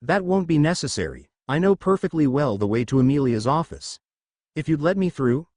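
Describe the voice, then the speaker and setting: Man voicing a sneering wizard professor, curt, disdainful, lively pitch, dry close sound, storybook. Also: a little fast, no room sound. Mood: impatient. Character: cold sneering male potions professor, impatient.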